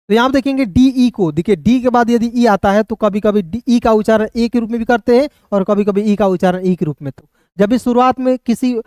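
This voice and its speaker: A man's voice: high-pitched, a little mellow, clean tone, dry recording. A man teaching English pronunciation online. He spells words out letter by letter and drills his viewers with repeated questions and answers. The sound is dry and close. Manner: addresses viewers as friends. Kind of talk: online lesson.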